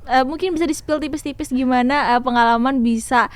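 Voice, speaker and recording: A woman's voice: high voice, fairly quick, dry recording. A woman hosting a podcast interview, asking questions casually and mixing in English words. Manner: encouraging listener, mixes in English words. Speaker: podcast host.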